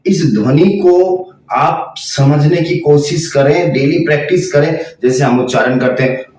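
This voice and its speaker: A man giving a spiritual lesson, explaining slowly and over again and demonstrating chanted sounds. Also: fairly high pitch, darkish tone, recorded from a distance. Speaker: tantra teacher. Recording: very echoey room, voice off-mic.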